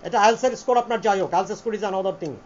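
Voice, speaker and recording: Lecturer, male, strikingly high voice, dull lo-fi recording. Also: a little mellow. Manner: drawls English phrases slowly, then talks on casually. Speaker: lecturer on life and spoken English. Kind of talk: informal lecture.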